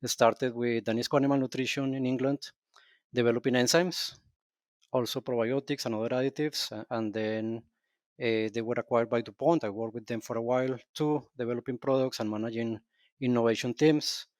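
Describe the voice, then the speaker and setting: A man speaks as a podcast guest, thoughtful and measured, sometimes restarting a phrase. His voice sits at a middle pitch. The sound is dry and close, with no room around it. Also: steady tone, a little mellow, no room sound. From Colombia. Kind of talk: podcast interview.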